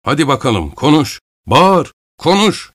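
A man's voice: a little high, big pitch swings, measured pace, a bit bright, voice pushed up, heavily acted. A man reading a story aloud, voicing an angry, defiant young vagabond who is freezing cold. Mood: furious.

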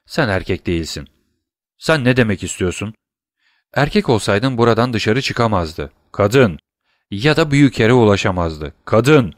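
A man voicing a greedy, scheming innkeeper's wife who speaks in a hoarse, trembling voice. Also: on the low side, expressive, unhurried, no echo, studio quality. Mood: goading. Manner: coldly goading, menacing.

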